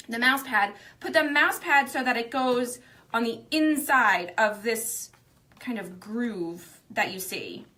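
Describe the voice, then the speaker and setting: A young woman with a slightly high, sharp voice hosts a live craft demonstration, chatting casually as she works. She's talkative and fills her speech with "like" and other fillers.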